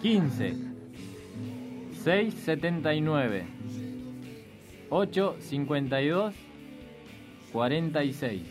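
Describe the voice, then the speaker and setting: A man's voice: a little high, very animated, extremely slow, long pauses, music in the background. A man in his thirties with a Rioplatense accent, a band member guest on a radio show, playfully coaxing a listener to call. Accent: Rioplatense Spanish. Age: 30s. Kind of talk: casual radio chat.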